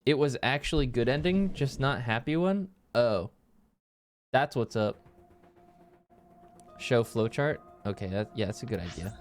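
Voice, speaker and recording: A man's voice: medium pitch, animated, a little slow, pauses often, soft background music. A man streaming a game, recapping it in casual chat and jumping into silly voices and sound effects.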